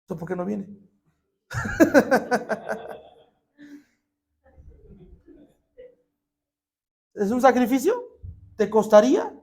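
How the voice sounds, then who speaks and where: High-voiced male pastor preaching live. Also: huge pitch swings, extremely slow, vocal fry, pauses often, breathy edge. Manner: swings between shouted exclamations and hushed asides, asks the congregation questions; acts out scripture scenes in quoted dialogue. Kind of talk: live sermon. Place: church service with a congregation.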